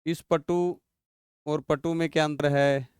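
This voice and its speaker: A man teaching an online exam-prep grammar class, quizzing his students and repeating each word slowly so they catch it. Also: a little high, flat delivery, clean tone, no echo, clean studio sound.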